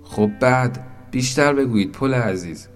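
A man voicing a small, naive wooden boat in a storybook, full of excited, eager questions. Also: lowish voice, soft background music, lightly acted. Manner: excited, breathless questions, shouting. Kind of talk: storybook narration.

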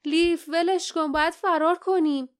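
A woman's voice: very high-pitched, fairly even intonation, voice pushed up. A woman voicing a fierce young female adventurer in an audiobook, calling out urgently. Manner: pleading, shouting.

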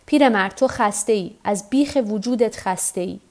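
A woman's voice: medium pitch, a little mellow, natural voice. A woman reading the part of a weary, stubborn old fisherman who talks to himself. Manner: talks to himself, tired and rueful.

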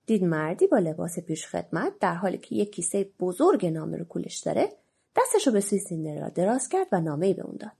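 A woman narrating a children's storybook in an expressive, animated way, with a husky voice. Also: on the low side.

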